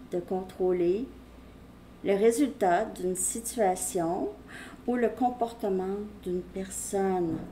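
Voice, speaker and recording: A woman's voice: medium pitch, mellow, slight background noise. A woman giving a casual tarot reading, rambling as she talks straight to the viewer. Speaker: tarot reader.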